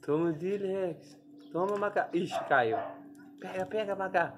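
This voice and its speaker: Pet owner, home phone video: unhurried, playful cooing at dogs, mid-pitched voice. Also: background noise. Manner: coaxing, cooing talk to puppies. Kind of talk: casual filming of pets.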